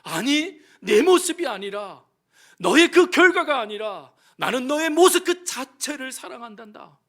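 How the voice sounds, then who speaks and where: A preacher voicing Jesus, a loving man speaking gently and intimately to a disciple. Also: sits high, big pitch swings, moderate pace, exaggerated voice. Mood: tender.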